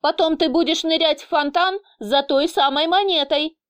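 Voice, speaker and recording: A woman's voice: sits high, normal speed, fairly bright tone, no echo, clean studio sound, pitched above the performer's own voice. A woman reading an audiobook voices an irritable male boss who huffs, grumbles and bursts into indignant swearing. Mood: grudging. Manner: indignant, huffing, swearing outbursts. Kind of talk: audiobook character voice.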